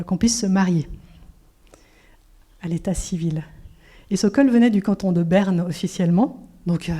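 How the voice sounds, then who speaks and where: A middle-aged woman preaching in a church, telling her testimony with lively storyteller energy. Her voice is warm and mellow, dipping into near-whispers and climbing into bright exclamations. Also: mid-range voice. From Switzerland. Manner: animated storytelling, drops to whispers and rises to exclamations. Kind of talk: sermon with personal testimony.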